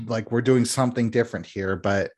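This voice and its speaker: A man's voice: medium pitch, a little fast, darkish tone. A man co-hosting a podcast in casual chat, giving blunt, candid opinions. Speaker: podcast co-host.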